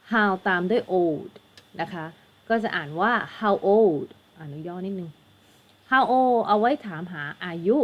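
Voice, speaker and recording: A woman's voice: lowish voice, dull audio. Patient Thai woman teaching English. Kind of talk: exam tutoring lesson.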